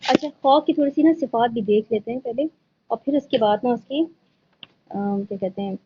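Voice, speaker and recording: A woman's voice: a little high, highs cut off, a little hiss or hum. A woman teaching Quran recitation in a patient, step-by-step way, mixing in English words. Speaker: tajweed teacher. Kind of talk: online Quran recitation lesson.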